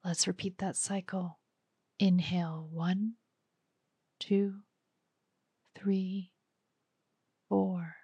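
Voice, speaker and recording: A woman leads a guided breathing meditation in a hushed, frequently whispered voice. Her delivery is extremely slow, with a husky, gravelly texture. The sound is dry and close, with no room around it. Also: on the low side, little pitch movement, no echo, muffled recording. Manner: slow, soft, often whispered counting.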